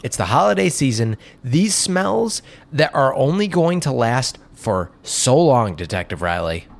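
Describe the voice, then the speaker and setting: A man's voice: mid-range voice, big pitch swings, unhurried, creaky. A man co-hosting an improvised comedy podcast, joking and punning in playful banter. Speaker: podcast co-host.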